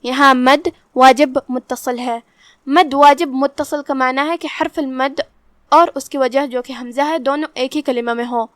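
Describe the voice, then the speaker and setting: A woman teaching Quran recitation rules, explaining each letter calmly and reciting verses very slowly. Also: high voice, clear, resonant tone, no room sound, clean studio sound. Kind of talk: tajweed lesson with slow recitation.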